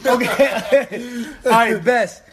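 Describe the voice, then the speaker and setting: A man with a high-pitched voice co-hosts a casual, slangy discussion. He is excitable and tends to repeat words in bursts as he talks. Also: drawn-out words, a loud crowd. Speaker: podcast co-host. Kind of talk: casual chat.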